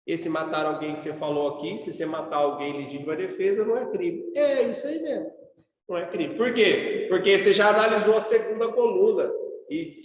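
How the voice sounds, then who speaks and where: A man with a Brazilian accent teaching a law class in a loose, chatty way, often checking in with the students through quick rhetorical questions. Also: high-pitched. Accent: Brazilian Portuguese. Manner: colloquial, rhetorical questions and tags like "sacou?". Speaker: law professor. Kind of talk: informal classroom lecture. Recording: very echoey hall, long reverb.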